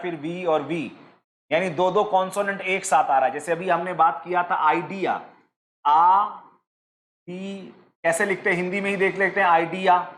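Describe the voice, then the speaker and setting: A man's voice: high voice, reverberant. A man teaching an online exam-prep class, explaining step by step and asking his students questions, with English terms mixed in.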